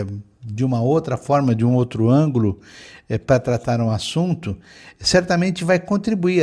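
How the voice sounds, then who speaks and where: Male lecturer, middle-aged, higher voice, unhurried storytelling with frequent pauses. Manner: slow, gentle, reflective, with many pauses and fillers. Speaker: spiritist lecturer.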